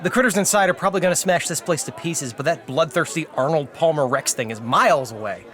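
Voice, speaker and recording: Guy playing nervous casual helper dude, high voice, hesitant n sheepish, fantasy audio drama. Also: lively intonation, fast, crowd noise, close to an everyday voice. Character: sheepish, anxious male menagerie helper.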